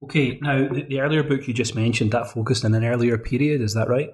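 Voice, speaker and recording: Recorded in a university office with a roomy echo, a podcast host politely and formally introduces his interview guest. His medium-pitched, darkish voice moves fast with fairly even intonation.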